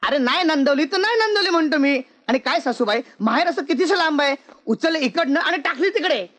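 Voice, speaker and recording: A man's voice: very high-pitched, expressive, brisk, fairly bright tone. An actor playing a scheming young husband who mocks his in-laws in a taunting, sarcastic way, in a film scene. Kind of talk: film acting.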